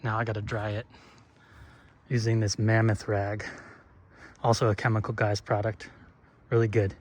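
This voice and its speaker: A man vlogging outdoors as he washes his car, talking in a relaxed, rambling way with plenty of fillers. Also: fairly low pitch, moderate pace. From northeastern United States. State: slightly out of breath. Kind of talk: casual talk while washing a car.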